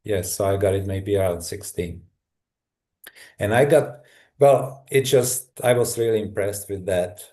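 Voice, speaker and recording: A middle-aged guest from Czechoslovakia, speaking with a Czech accent, tells a personal story during a conversation. His low, mellow voice moves haltingly and thoughtfully, restarting often.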